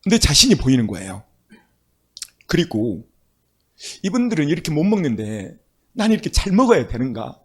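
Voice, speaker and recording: A man's voice: on the high side, sing-song, moderate pace, long pauses, breathy edge. A male pastor preaching a sermon, telling stories with emphatic, rising exclamations.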